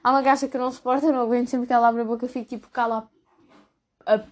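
Chatty teen girl with a high voice. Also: flat delivery, rapid-fire, a little mellow. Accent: European Portuguese. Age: teens. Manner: chatty, gossipy, slangy, mimics classmates. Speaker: student vlogger. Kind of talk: casual chat.

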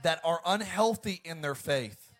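A man's voice: fairly high pitch, lively intonation, measured pace. A male pastor preaching an emphatic sermon to his congregation. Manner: emphatic, preacherly, swings between loud and quiet.

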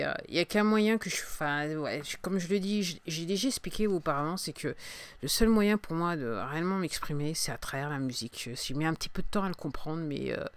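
Woman, 50s, solo podcast host; halting, casual delivery, smooth and clear tone, dry close sound. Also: deep voice, no room sound. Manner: hesitant, many pauses and restarts. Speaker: singer-songwriter hosting a podcast.

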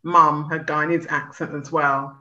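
A woman's voice: sits low, flat delivery, unhurried, sharp tone, muffled recording. A British woman with a British accent, chatting casually as a guest and laughing between remarks. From Britain. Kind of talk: casual chat.

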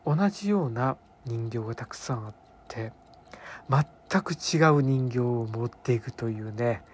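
A man's voice: mid-range voice, a little hiss or hum. A man telling anecdotes as a radio presenter, chatty and emphatic, often checking in with listeners. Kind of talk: conversational storytelling monologue.

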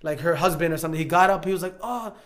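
A man, a podcast guest telling a story in casual chat, animated, stumbling and repeating words as he acts out what others said. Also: fairly high pitch, racing.

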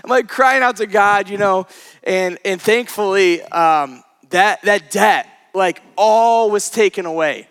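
A young man giving a sermon to a live church audience, telling animated, self-deprecating stories and laughing often. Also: high-pitched, unhurried, clear, resonant tone. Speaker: pastor. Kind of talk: storytelling sermon.

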